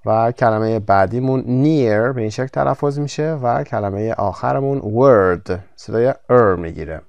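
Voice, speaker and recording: A man whose first language is Persian, teaching an English textbook lesson, explaining in Persian and reading the English slowly and carefully. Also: medium pitch, creaky, darkish tone, dry recording, highs cut off. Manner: switches between Persian explanation and slow, careful English read-aloud.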